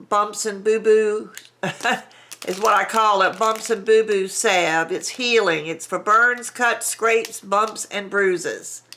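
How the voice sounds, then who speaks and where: An older woman with a congested, stuffy nose vlogs as she unboxes a craft subscription box at home, recording on her camera mic. Her mid-range voice is pushed and bright, and she chats casually, rambling a little with restarts and small laughs.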